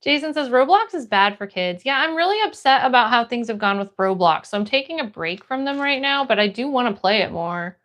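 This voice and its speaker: An animated American woman with a voice on the high side talks briskly, barely pausing, her tone a bit bright. Hosting a casual livestream, she reads viewer comments aloud and cheerfully greets people by name with plenty of encouragement.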